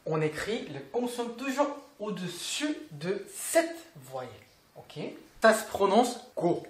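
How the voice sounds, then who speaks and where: Language tutor, unhurried and lively in pitch, recorded in a roomy echoing space. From South Korea. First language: Korean. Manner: patient, repeats sounds and checks in often. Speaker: language teacher. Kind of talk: online lesson. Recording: roomy echo.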